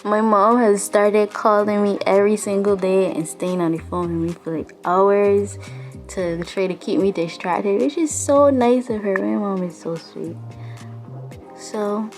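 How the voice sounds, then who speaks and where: A woman's voice: medium pitch, steady tone, unhurried, a little mellow, faint music behind. A young woman with a Barbadian accent, recording a personal video diary from a quarantine room and sounding weary, downcast and frustrated, with sighs. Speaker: vlogger. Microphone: self-filmed camera up close.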